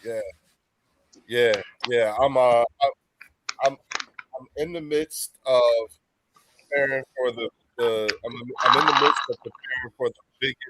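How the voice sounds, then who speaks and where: A man's voice: mid-range voice, steady tone, a little slow, pauses often, noisy background. A man in casual conversation, sounding muffled and far away from his microphone as he stammers through restarts. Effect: muffled and far from the mic. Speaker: guest on a fan show. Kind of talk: casual chat on a video call.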